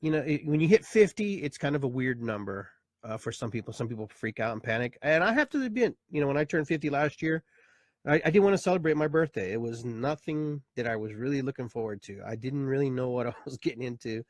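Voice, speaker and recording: Speaking fast and animatedly in a medium-pitched voice, a man in his fifties who is both therapist and show host rambles through a casual live monologue. He is reflective, full of fillers and restarts, and the recording is dry.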